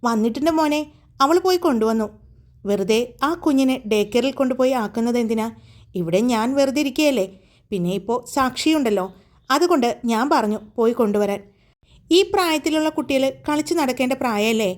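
A woman's voice: a little high, lively intonation, fairly quick, lightly acted. A woman voicing a caring middle-aged mother who teases her daughter playfully in a storybook tale. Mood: fond. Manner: fond, scolding playfully.

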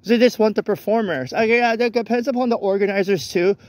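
A young man with a high-pitched voice talks into a handheld phone as he walks along a rainy street at night. He rambles, circling back with restarts and corrections. The sound is dry and close, with no room echo. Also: fast, a little mellow. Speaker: vlogger. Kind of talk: casual walk-and-talk vlog. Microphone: phone camera held while walking.

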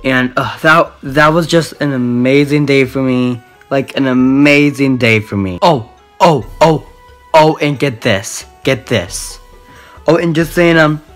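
Slow, halting teenage boy vlogging. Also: medium pitch, fairly bright tone. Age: teens. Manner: halting, repetitive. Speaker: video host. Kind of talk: casual excited vlog storytelling. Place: small room indoors. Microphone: phone at arm's length.

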